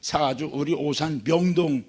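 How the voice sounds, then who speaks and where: A man's voice: on the high side, normal speed. A man preaching a sermon at a church revival meeting, telling stories with jokes. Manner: joking, animated storytelling.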